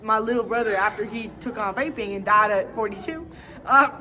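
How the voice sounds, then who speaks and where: A young woman improvising a mock interview, deadpan and stammering. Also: mid-range voice, brisk. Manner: deadpan, stammering, breaks into laughter. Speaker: interviewee in a comedy skit.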